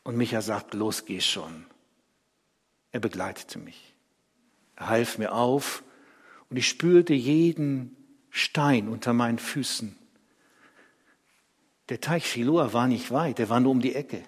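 Man doing a dramatic bible story, lively pitch, slow, big hall echo. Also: breathy edge. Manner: vivid, emotional, swings between hushed and loud. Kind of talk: dramatic first-person biblical monologue. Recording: reverberant hall.

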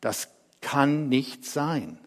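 A man's voice: medium pitch, big pitch swings, drawn-out words, exaggerated voice. A man voicing a stern old male neighbor who refuses to believe what he hears. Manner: disbelieving, insistent. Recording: echoey hall.

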